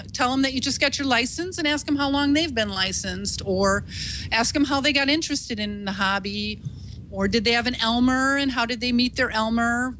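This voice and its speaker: Here the same kind of instructor, a woman who is a ham radio operator, talks beginners through the steps informally, sounding reassuring and encouraging in a conversational, teacherly way. Her voice is a little high, bright and forceful. The recording is low quality, with a slight hiss or hum.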